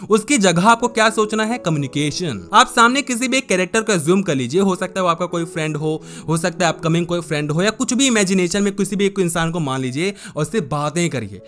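A man's voice: high voice, expressive, brisk, hardly any pauses, fairly bright tone, faint music behind. A man giving casual self-help advice straight to the viewer, chatty and direct, calling the listener brother. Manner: chatty, addresses viewer as brother, mimics people. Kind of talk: casual Hindi advice talk to camera.

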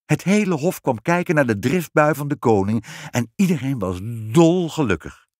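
Male storybook reader, Dutch accent, expressive, dry close recording. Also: a little high, moderate pace, no echo. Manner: expressive, animated. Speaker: narrator. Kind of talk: storybook reading.

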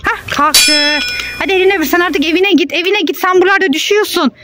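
A mother narrating toy play in an animated way, urging and hurrying along with excited calls. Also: extremely high pitch, quick pace, heavy background noise. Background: music.

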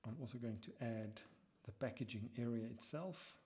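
Keyboard clatter sits behind this male lecturer as he explains a software tutorial step by step while working. He speaks at a normal speed in a mid-range voice, now and then muttering to himself.

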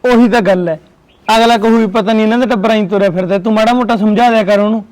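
A man's voice: high-pitched, fairly even intonation, fast talker, a little mellow, close to an everyday voice. A man playing a son who complains about his mother's behaviour. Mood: indignant. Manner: agitated, complaining. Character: indignant young son, annoyed with his mother. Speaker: son in a comedy sketch. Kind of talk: comic village drama.

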